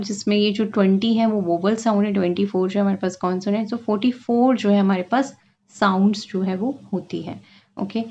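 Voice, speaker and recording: Woman, exam-prep teacher, explanatory lesson, frequent check-ins, slow deliberate reading of questions, lo-fi audio. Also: mid-range voice, a little mellow.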